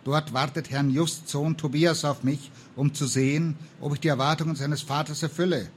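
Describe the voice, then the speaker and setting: A man's voice: fairly high pitch, steady tone, moderate pace, slight background noise, natural voice. A man reading the lines of a stern, dutiful young woman, a traveling apothecary in an old tale, in a firm, earnest manner. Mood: scolding.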